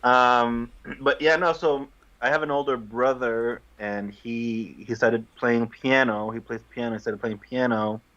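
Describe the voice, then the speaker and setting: A man's voice: mid-range voice, fairly even intonation, measured pace, few pauses, a bit bright, lo-fi sound. A young man from Guatemala, a musician guest on a video call, talking easily and laughing at himself. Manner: easygoing, laughs often, self-deprecating. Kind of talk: casual interview.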